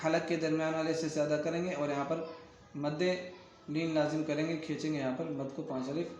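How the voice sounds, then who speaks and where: A man's voice: a little high, little pitch movement, darkish tone, echoey room. A man teaching Quran reading in a recorded lesson, patiently repeating letter names and checking in with learners. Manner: stretches letter sounds long when reciting.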